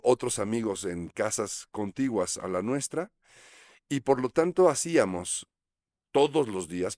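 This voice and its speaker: With a low-pitched voice and a Mexican Spanish accent, this fifty-something actor from Mexico City shares relaxed, reflective anecdotes as an interview guest. He gestures while talking and uses plenty of fillers. The small studio set has no room sound, and he's close to a boom-arm mic.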